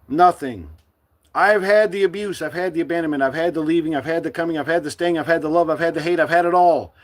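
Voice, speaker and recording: A middle-aged man from the United States speaking to his livestream viewers in a forceful, defiant, preachy monologue. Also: high-pitched. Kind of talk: impassioned live-stream monologue.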